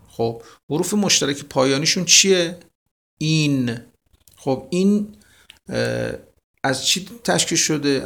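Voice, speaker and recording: A man teaching a lesson on rhyme in Persian poetry. He poses questions, answers them himself and praises his listeners, and he recites verses slowly and with weight. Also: mid-range voice, vocal fry, fairly bright tone.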